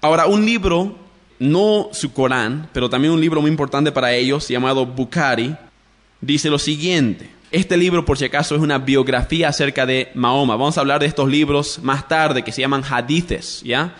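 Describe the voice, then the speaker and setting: A man's voice: on the high side, moderate pace, a bit bright. Didactic man teaching on religious radio. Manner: didactic, spells out words letter by letter; addresses listeners directly. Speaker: radio preacher.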